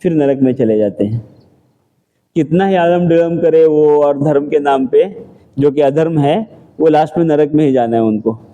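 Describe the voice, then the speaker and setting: A man's voice: fairly high pitch, normal speed, warm tone, dull audio. A man giving a scripture class in a temple, talking conversationally and answering his own rhetorical questions. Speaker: temple lecturer.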